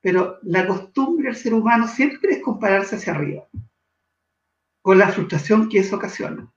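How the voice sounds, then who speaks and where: Man from Chile, interview guest, earnest, measured, echoey room. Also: high-pitched, lively intonation, lo-fi sound. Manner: earnest, measured, shifts between slow emphasis and quick asides. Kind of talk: reflective interview talk.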